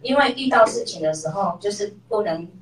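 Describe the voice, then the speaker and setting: A woman's voice: mid-range voice, lively intonation, brisk. A middle-aged woman shares a personal story with a class, acting out the voices of the people in it. She is heard from some distance across an echoey room. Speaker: class member sharing a story. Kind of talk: personal testimony.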